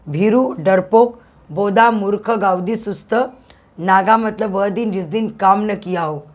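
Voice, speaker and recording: A woman teacher walks her class through a textbook lesson, explaining it in plain everyday talk. She stops to gloss hard words and clears her throat often. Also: medium pitch, a little mellow.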